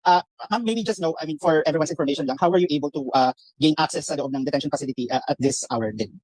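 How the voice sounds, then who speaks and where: Guy reporter asking stuff fast, lots of uhs, polite, dry sound. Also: fairly high pitch, darkish tone, no echo, poor audio. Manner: hesitant, many fillers, polite. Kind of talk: press conference questioning.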